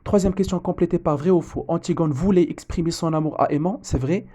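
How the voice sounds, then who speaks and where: A man correcting an exam as a teacher, often pausing on fillers and restarting his sentences. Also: fairly high pitch, mellow. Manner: hesitant, frequent fillers and restarts. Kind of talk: exam correction lesson, reading the text aloud.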